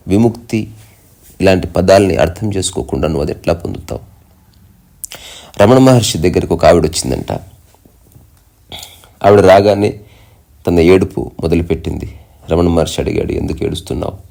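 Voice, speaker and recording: Deep gravelly man giving a spiritual discourse. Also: darkish tone. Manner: chants Sanskrit verses slowly, then explains them plainly. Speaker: spiritual teacher.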